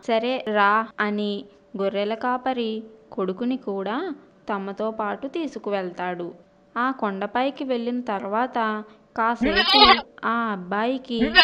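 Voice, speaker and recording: A woman narrating a children's story in an expressive storytelling manner. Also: fairly high pitch, muffled recording.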